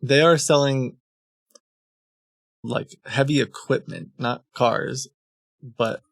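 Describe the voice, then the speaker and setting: A man's voice: medium pitch, slow, creaky, no room sound. A man hosting a livestream, chatting casually in a laid-back way. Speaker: streamer and host.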